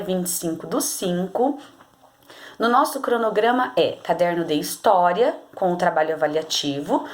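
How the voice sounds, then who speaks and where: A Brazilian woman teacher guiding children through a workbook lesson, explaining patiently step by step and checking in often. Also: fairly low pitch. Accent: Brazilian Portuguese. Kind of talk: recorded remote class lesson.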